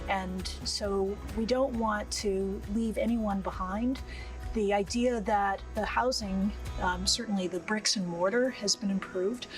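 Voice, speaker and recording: A woman's voice: medium pitch, far from the mic, poor audio. A woman, a housing advocate, speaking plainly and with purpose in a documentary interview.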